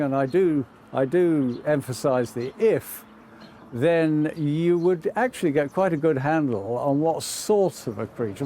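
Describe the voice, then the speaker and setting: A male researcher gives careful, qualified answers in an interview. His voice is a little high, with faint outdoor noise behind it. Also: a little mellow. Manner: careful, hedged, emphatic on caveats.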